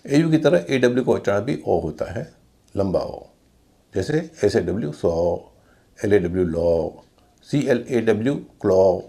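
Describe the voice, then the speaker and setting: A man's voice: on the low side, expressive, unhurried, creaky, warm tone. A man teaching English pronunciation in a lesson, spelling words out letter by letter and then saying them. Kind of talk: explanatory lesson.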